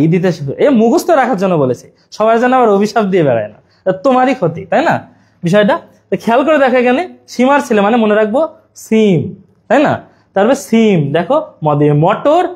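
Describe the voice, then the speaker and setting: A man's voice: high voice, darkish tone. A young man, teaching an exam-prep lesson in a chatty way and using playful memory tricks.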